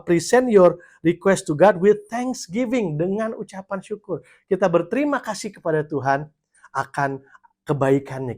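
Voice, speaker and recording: A man preaches to young listeners in a relaxed, conversational way. His voice sits a little on the high side, and he drops English phrases into his talk. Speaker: youth pastor. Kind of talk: sermon.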